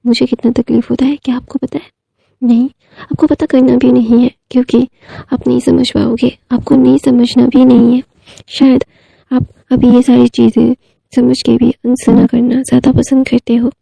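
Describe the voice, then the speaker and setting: A woman's voice: on the high side, little pitch movement, moderate pace, gravelly, warm tone, slightly rough, no room sound, exaggerated voice, rough recording. A woman voicing a moody, pregnant young man who complains petulantly, in a storytelling retelling. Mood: whiny.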